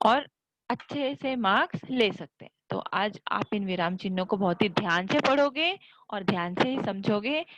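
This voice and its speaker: Lively-voiced woman teaching a Hindi lesson. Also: mid-range voice, dry recording, rough recording. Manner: patient, explains step by step with examples. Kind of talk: classroom grammar lesson.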